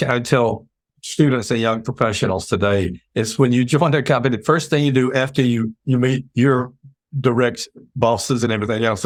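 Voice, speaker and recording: An older man, a public relations veteran, telling stories in a casual interview with lively restarts. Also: mid-range voice, no room sound. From United States. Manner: animated storyteller, many restarts.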